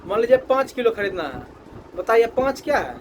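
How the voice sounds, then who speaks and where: A man's voice: extremely high pitch, big pitch swings, brisk, noisy background. A man teaching a maths class, repeating his questions to the students and drilling the answers.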